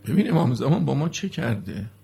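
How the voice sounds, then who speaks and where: A man's voice: medium pitch, big pitch swings, gravelly, warm tone, breathy edge. A middle-aged man preaching a religious sermon to a seated congregation, moving from earnest explanation into mournful lament.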